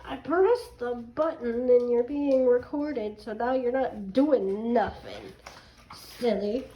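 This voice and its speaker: A woman's voice: a little high, slow, lo-fi sound. A woman chatting casually to her dogs at home, in a cooing, sing-song way with teasing scolding. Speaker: dog owner. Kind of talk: playful pet talk, casual chat to dogs. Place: indoors at home. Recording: echoey room, faint background noise.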